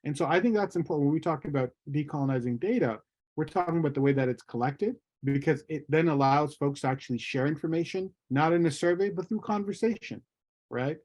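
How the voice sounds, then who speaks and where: A man's voice: fairly high pitch, a little fast, a little mellow. A man from Somalia speaking as a panelist in an online discussion, thoughtful and often repeating words as he starts a point. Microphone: video call.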